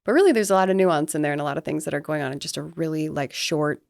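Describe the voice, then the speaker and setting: A woman's voice: sits low, fast talker, vocal fry, a little mellow, no room sound, studio quality. A woman co-hosting a sports podcast in a chatty, upbeat way. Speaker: podcast co-host. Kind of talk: casual sports podcast chat and ad reads.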